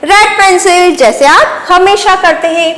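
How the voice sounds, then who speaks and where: A primary school teacher with a very high, slightly bright voice leads young children through a phonics lesson, sounding like she is in a big room. She goes slowly and patiently, using call-and-response questions and answering with praise.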